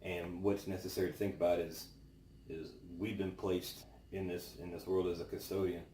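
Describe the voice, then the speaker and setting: A man with a very low, mellow voice gives an informal devotional. He speaks pensively, leaving long pauses between phrases as he reads and reflects. The recording is roomy, with faint noise behind him. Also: flat delivery, distant mic. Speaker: devotional host. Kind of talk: informal devotional talk, scripture reading and reflection.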